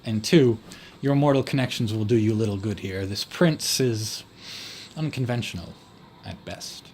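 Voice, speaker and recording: A man's voice: on the low side, darkish tone, a little hiss or hum, close to an everyday voice. A man doing a composed, formal male vampire. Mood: cool, warning. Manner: measured, formal phrasing. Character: composed male vampire giving cool warnings.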